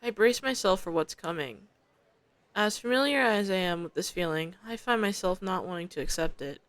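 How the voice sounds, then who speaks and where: A woman's voice: mid-range voice, expressive, moderate pace, fairly bright tone, no room sound. A young woman streamer reading a visual novel aloud, dropping chatty, slangy asides between narration.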